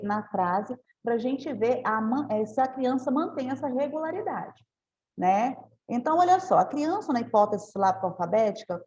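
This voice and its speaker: Woman, teacher trainer, higher voice, patient explaining, lo-fi video call audio. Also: a little mellow. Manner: explanatory, frequent tag questions.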